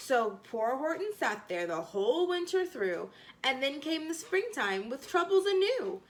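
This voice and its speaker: A woman reading a rhyming children's story aloud, expressively, with theatrical emphasis and drawn-out phrases. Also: sits high, very animated, slight background noise.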